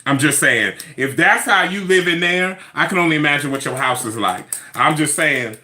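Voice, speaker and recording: A man gives sassy, animated commentary on a reality show, repeating phrases for effect. His voice sits fairly high, with a bright, forceful edge. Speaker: reality TV recap vlogger. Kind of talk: casual opinionated commentary.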